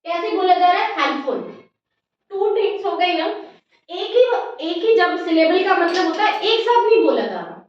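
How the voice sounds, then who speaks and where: A woman teacher explaining grammar slowly in a classroom lesson, often checking whether her students have understood. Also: extremely high pitch, lively intonation. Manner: addresses listeners as "beta" in a motherly teacher way. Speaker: English teacher. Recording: echoey room, distant mic, dull sound.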